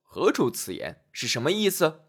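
A man's voice: on the high side, huge pitch swings, normal speed, exaggerated voice. A man doing a fussy master of the house. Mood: puzzled.

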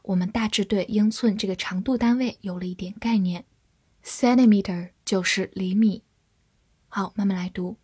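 A woman teaching English vocabulary in a scripted lesson, spelling words out and reading model sentences slowly and carefully. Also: mid-range voice, darkish tone, husky.

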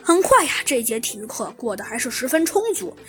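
A woman's voice: a little high, big pitch swings, fairly quick. A woman narrating a children's story in a hesitant, improvised way, with frequent fillers and restarts, over faint music.

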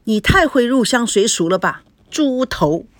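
A woman's voice: on the high side, sing-song, measured pace, no echo. A woman reading the part of a timid young woman who scolds with teasing insults. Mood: scolding. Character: timid but sharp-tongued young woman.

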